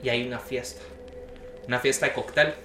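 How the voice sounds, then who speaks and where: A man's voice: medium pitch, fairly even intonation, fairly quick. A young man casually telling a long story about his dreams, acting out the voices of the people in it. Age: young adult. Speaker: podcast guest. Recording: echoey room with faint noise.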